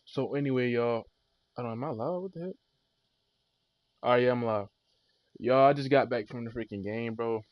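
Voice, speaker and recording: A man's voice: medium pitch, moderate pace, long pauses, no room sound, muffled recording. A tired man livestreaming a casual, slangy sports recap and rant, peppering his talk with bro and man. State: tired after being up all night.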